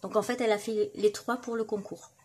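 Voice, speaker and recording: A woman's voice: medium pitch, fairly even intonation, a little fast, darkish tone, breathy edge. Chatty middle-aged woman showing crafts. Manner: chatty, many fillers, admiring. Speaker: crafting YouTuber. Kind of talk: casual show-and-tell vlog.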